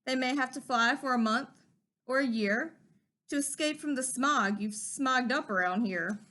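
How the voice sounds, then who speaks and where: A woman's voice: high voice, unhurried, sharp tone. A woman voicing the Lorax, a small creature who guards the trees, speaking in an indignant, preachy tone. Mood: scolding.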